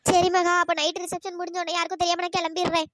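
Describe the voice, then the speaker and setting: A woman's voice: extremely high pitch, level tone, fast talker, a bit bright, faint music behind. A woman voicing a timid young bride in a cartoon, speaking hesitantly and anxiously. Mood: worried. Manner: hesitant, worried.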